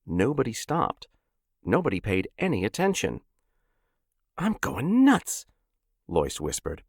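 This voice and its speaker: A man narrating a story in an expressive, dramatic audiobook style into a close mic. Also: medium pitch, no room sound. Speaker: narrator and host.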